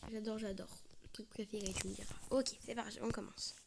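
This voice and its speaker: A woman's voice: medium pitch, steady tone, a little fast, gravelly, background noise. A young woman giving casual let's-play commentary, chatty and playful, often dropping to a whisper. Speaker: gaming video creator.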